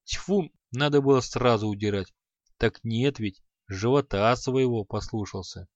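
A man's voice: mid-range voice, unhurried, dry recording, natural voice. A chained demon grumbles and mocks in a sardonic drawl , as a man reading an audiobook plays him. The recording is dry and a little dull. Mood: sarcastic. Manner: sarcastic, mocking.

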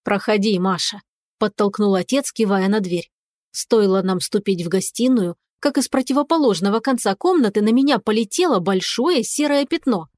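A woman reading a fantasy novel in the first person with expressive, lively storytelling. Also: medium pitch, normal speed, no echo, clean studio sound. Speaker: audiobook narrator. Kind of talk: scripted first-person narration.

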